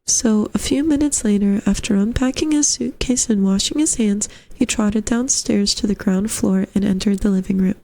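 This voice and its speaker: A woman's voice: mid-range voice, normal speed, few pauses, dark tone, poor audio. A woman reading a short story aloud as a storyteller, in scripted narration. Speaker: storyteller, streamer.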